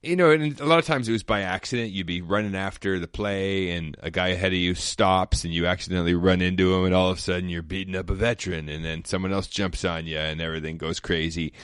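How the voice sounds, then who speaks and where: Man, very low voice, dry close sound, rambling anecdotal guest. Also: steady tone, fast talker, few pauses, a bit bright, clear, resonant tone, dry recording. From Canada. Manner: rambling, laid-back, frequent fillers. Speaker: former pro football player, guest. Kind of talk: casual storytelling chat.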